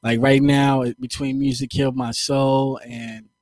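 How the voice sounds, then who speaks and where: A relaxed middle-aged man talks through his studio work in an easy, slangy back-and-forth. His voice sits at an ordinary pitch. The sound is dry and close, with no room around it. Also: unhurried, no room sound. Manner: laid-back, loose slangy talk with "you know what I'm saying". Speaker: recording artist discussing his album. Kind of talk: casual chat.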